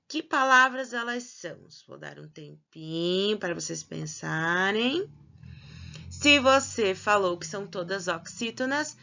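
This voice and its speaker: Slow, patient teacher woman. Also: mid-range voice, creaky, sharp tone. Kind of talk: recorded grammar lesson for pupils. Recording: dull lo-fi recording.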